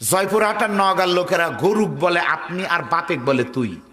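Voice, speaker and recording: Over loudspeakers at an outdoor religious gathering, a Bangladeshi man with a northern Bengali accent delivers a waz sermon, urging the crowd to call back and mimicking regional dialects. His voice is high, sharp and expressive at normal speed, trailing a long reverb.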